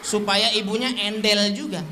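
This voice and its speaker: Brief: male preacher, high and bright, unhurried, teasing the crowd, melodic chanting. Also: fairly even intonation, a little hiss or hum. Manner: playful, joking with the audience; chanting Arabic phrases in a drawn-out melodic way. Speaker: Islamic preacher. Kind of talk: sermon.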